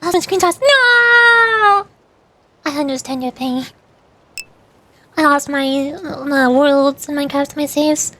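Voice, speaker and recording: A young woman streamer rambles to her viewers while showing old screenshots, chatting casually and reading the chat out loud. Her voice is high, pushed and bright, and she speaks slowly with long pauses.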